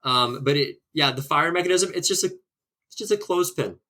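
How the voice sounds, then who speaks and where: A man's voice: on the high side, brisk, sharp tone. A man from Minnesota chatting casually as a podcast guest, rambling and friendly with lots of fillers.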